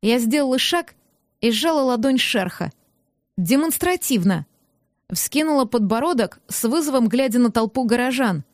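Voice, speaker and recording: A woman's voice: a little high, animated, normal speed, darkish tone, no room sound, clean studio sound. A woman reading a first-person fantasy audiobook expressively and acting out the dialogue. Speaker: audiobook reader.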